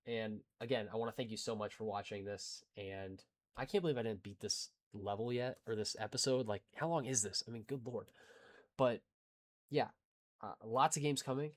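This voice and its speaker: A young man with a lowish voice rambles casually to his viewers, a gaming creator wrapping up a long video. He talks in loose restarts and self-deprecating asides, warm and unpolished. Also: normal speed. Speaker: gaming YouTuber.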